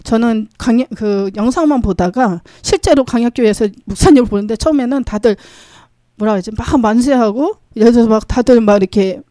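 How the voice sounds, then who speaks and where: A woman's voice: a little high, brisk, warm tone, dry recording, studio quality. A woman preaching a church sermon, reading scripture aloud and asking the congregation questions, with frequent hallelujahs.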